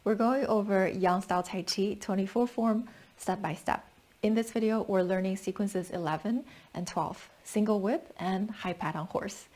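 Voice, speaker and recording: A woman with a medium-pitched voice leads a tai chi lesson. She explains as she demonstrates, guiding the listener through each movement with step-by-step cues. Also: moderate pace, a little mellow.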